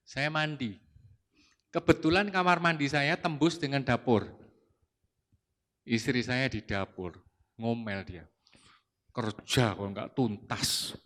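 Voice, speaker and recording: A man preaching at a church service about marriage, telling a personal story in a lively, anecdotal way. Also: mid-range voice. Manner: lively anecdotal preaching, rising to loud retorts when quoting himself. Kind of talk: sermon with storytelling.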